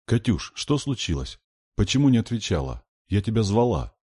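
A man's voice: on the low side, very animated, normal speed, warm tone, husky, pitched above the performer's own voice. A male reader voicing an anxious, bossy teenage girl who speaks urgently.

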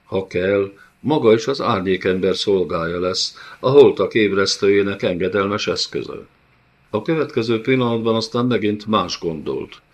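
A man narrating an audiobook in a measured, dramatic way. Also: fairly low pitch. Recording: dull lo-fi audiobook recording.

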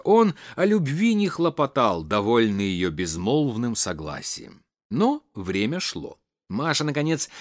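Brief: male audiobook reader, measured literary narration, expressive intonation. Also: a little high, dry recording, studio quality. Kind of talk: scripted narration of a classic novel.

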